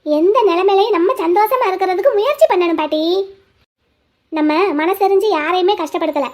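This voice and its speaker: A woman's voice: extremely high pitch, normal speed, a little mellow. A woman voicing a bold young village woman in a cartoon, firm, confident and upbeat. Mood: reassuring. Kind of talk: cartoon voice acting.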